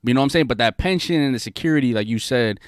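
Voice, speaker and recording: A man in his late twenties co-hosts a casual podcast, speaking at an everyday middle pitch. He talks in a laid-back, slangy way and muses out loud. The recording is dry and close. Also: animated, very fast, clear, resonant tone, no echo. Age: late 20s. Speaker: podcast co-host.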